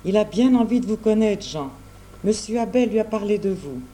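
A gracious noblewoman, kind and reassuring, speaks in a mellow, dark tone at a middling pitch, voiced by a man reading aloud. It is a storybook reading. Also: animated, normal speed. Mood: kindly.

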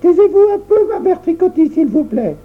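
A man voicing a serious, bossy little girl who knits, speaking in a shrill, quick, impatient voice. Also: sing-song. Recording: dull lo-fi recording.

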